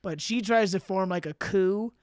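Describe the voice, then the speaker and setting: A man with a high, smooth voice co-hosts a comedy podcast, swearing and joking in loose banter. He laughs a lot between his lines. The room is dry and close. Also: normal speed, no echo. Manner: laughs often, profane and jokey. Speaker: podcast co-host.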